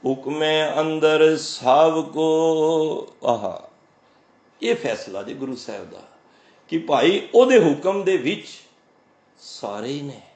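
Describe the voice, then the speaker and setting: A man giving a sermon on scripture. He recites the verses slowly, then explains them and answers his own questions. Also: medium pitch, very animated, gravelly, a little mellow, reverberant. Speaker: Sikh preacher. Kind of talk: scripture exposition.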